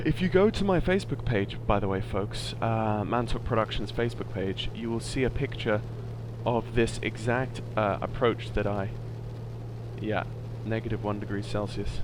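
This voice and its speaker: Male sim pilot, lowish voice, easygoing and slightly hesitant commentary, with a clear engine drone behind. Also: moderate pace. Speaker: flight simulator streamer playing the pilot. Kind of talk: casual running commentary with radio calls. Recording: loud engine hum behind voice.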